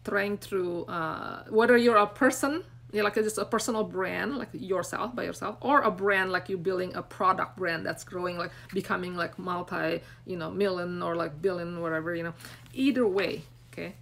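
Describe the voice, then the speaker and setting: With a little hiss or hum in the audio, this Indonesian-accented woman in her forties speaks at normal speed in a lowish, slightly bright voice with vocal fry. As a brand coach on a live stream, she rambles earnestly to viewers from a small room, phone at arm's length, encouraging them amid plenty of fillers.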